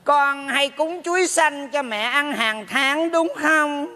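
A man in a stage comedy sketch voicing the ghost of a scolding mother, talking slowly and nagging her stingy son. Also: extremely high pitch, pushed and bright, exaggerated voice.

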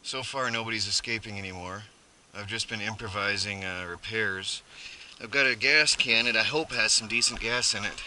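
Wearing a head-mounted action camera, a homesteading vlogger casually narrates his outdoor chores in first person, rambling and chatty as he works. His voice is on the low side and sharp in tone, at a moderate pace. The audio is poor, with slight background noise.

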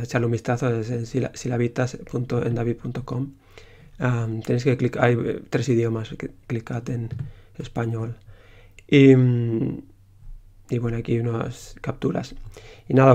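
A man's voice: medium pitch, creaky, dark tone. A young man with a Spain Spanish accent, an indie game developer telling casually how he made his game, rambling with many fillers.

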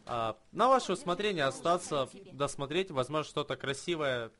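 A man's voice: a little high, lively intonation, moderate pace, a bit bright. A man giving casual live commentary on a video game match as one of its casters.

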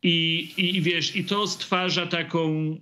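A man's voice: fairly high pitch, level tone, pushed and bright. A middle-aged man, father of a young boxer, speaking hesitantly with many fillers on a video call from a room at home. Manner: hesitant, many drawn-out fillers, mixes in English phrases. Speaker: boxer's father and team member. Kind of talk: remote interview over video call.

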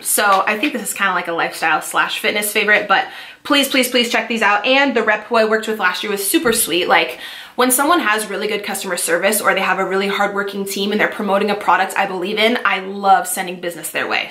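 A woman in her twenties from California, chatting quickly and eagerly about fitness products she uses. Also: medium pitch, sharp tone, reverberant. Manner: fast, chatty, enthusiastic. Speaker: fitness vlogger. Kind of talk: casual product-review vlog.

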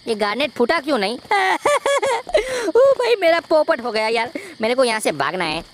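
A woman narrates horror gameplay in an excitable, boastful, giggly way. Her voice runs high and leaps widely in pitch. Faint background noise sits underneath. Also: a little fast. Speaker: gameplay YouTuber. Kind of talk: let's-play commentary.

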